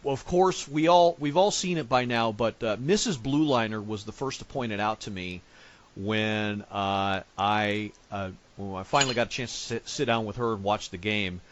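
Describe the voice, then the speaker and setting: A man co-hosting a casual sports podcast, talking in halting bursts with lots of fillers and restarts. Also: fairly low pitch. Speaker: podcast co-host. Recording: dull lo-fi podcast audio.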